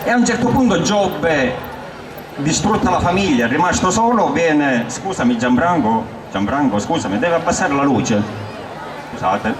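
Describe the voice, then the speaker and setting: A man's voice: a little high, expressive, normal speed, a crowd in the background. A man with a Sicilian accent gives a live recitation of dialect poetry in a declamatory, storytelling way. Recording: roomy echo, distant mic, clear background noise.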